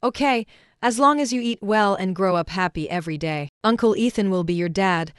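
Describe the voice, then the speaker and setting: A curt young wife with a flat, cold delivery, read by a woman. The voice is smooth and close, with no room around it. It stays plain and clipped. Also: medium pitch, fairly quick, no echo, close to an everyday voice. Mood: soothing.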